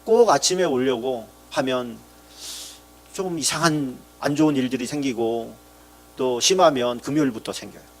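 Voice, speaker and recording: A man's voice: medium pitch, normal speed, slight background noise. A male pastor preaching a sermon, asking the congregation questions and acting out short bits of dialogue. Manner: lively preaching, rising to loud emphatic peaks and dropping to quiet asides; acts out dialogue in character voices.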